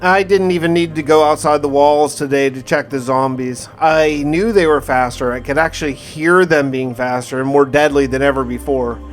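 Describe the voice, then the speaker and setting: A male gamer with a slightly high voice narrates a survival recap like a diary. His storytelling is casual yet dramatic, sprinkled with dry asides.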